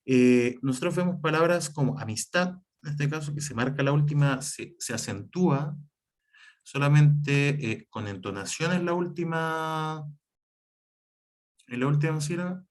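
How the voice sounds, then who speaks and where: A man with a Chilean Spanish accent and a slightly high voice teaches a spelling lesson over slides, explaining the rules step by step at an unhurried pace. He uses frequent fillers and corrects himself often.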